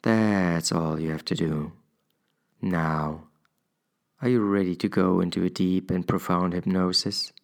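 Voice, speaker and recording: A man guiding a hypnosis session in a soothing, measured manner with drawn-out pauses. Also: low-pitched. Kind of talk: guided hypnosis induction, soothing instruction.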